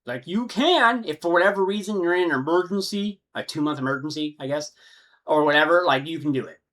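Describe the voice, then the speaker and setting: Texan man, slightly high voice, loose chatty how-to explainer who self-corrects. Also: animated, a little fast, fairly bright tone. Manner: rambling, self-correcting, conversational. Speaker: insect breeder. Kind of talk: casual instructional talk. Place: his room with his insects.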